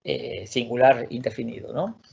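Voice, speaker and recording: A man teaching a class online, repeating words slowly to model their pronunciation. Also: mid-range voice, steady tone, gravelly, darkish tone, breathy edge. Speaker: Swedish teacher. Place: lives in Sweden. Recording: lo-fi muffled audio.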